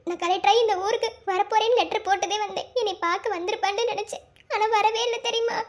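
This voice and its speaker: An actress with a playing a young woman collector, bossy with family but soft and halting when she confides her love, in a television drama. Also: extremely high pitch, fairly even intonation, slight background noise. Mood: confiding. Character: young woman collector, proud, secretly lovesick.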